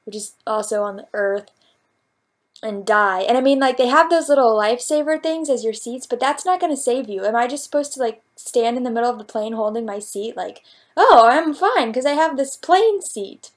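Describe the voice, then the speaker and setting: At home and talking to her cat, a vlogger with a brisk, slightly high voice takes viewer questions. She keeps it loose, jokey, and meandering.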